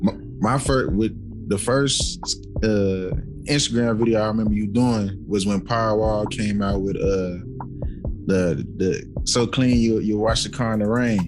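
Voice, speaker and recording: A man's voice: fairly low pitch, steady tone, measured pace, over music. A man hosting a casual podcast, easygoing and often repeating "for real, for real.". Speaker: podcast host.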